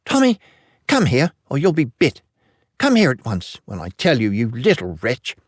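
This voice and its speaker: A man's voice: mid-range voice, wildly swooping pitch, normal speed, slightly rough, dry recording, clean studio sound, pitched above the performer's own voice. A man voicing a stern, weary frontier mother who scolds her children sharply, in a spoken storybook reading.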